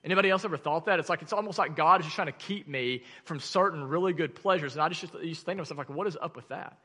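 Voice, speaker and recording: A man with an Arkansan accent preaching a sermon to a congregation, emphatic, with dramatic drops and pauses. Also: fairly high pitch, pushed and bright. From Arkansas, United States. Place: large room, preaching to a congregation. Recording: long reverb of a large room.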